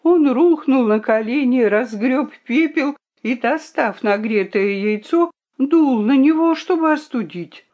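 A woman reading a fairy tale aloud in an expressive, unhurried way. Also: high-pitched, lo-fi sound. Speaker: storyteller. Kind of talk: storybook reading.

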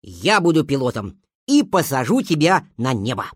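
A woman voicing a sulky, serious male hare with a gruff, serious way of talking. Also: extremely low pitch, sing-song, moderate pace, no room sound, studio quality, pitched below the performer's own voice, heavily acted.

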